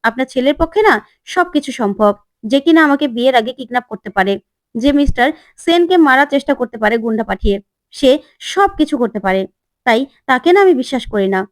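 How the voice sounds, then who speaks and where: A woman voicing a defiant, sharp-tongued young woman in a retold TV serial, full of challenging questions. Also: high-pitched, expressive, a little fast, dry recording. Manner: challenging, sarcastic.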